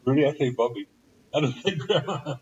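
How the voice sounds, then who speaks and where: A man's voice: medium pitch, lively intonation, a little fast, a little mellow. A man taking part in a casual lesson, giving short answers and joking back. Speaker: lesson participant. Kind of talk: casual chat. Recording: distant, muffled livestream audio.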